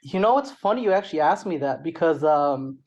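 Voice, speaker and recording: This lo-fi clip features a fairly high, darkish, expressive male voice moving a little quickly. He's a middle-aged rapper-songwriter from Toronto, Canada, with a Canadian accent, talking loosely as an interview guest and filling his rambling with "like" and "you know."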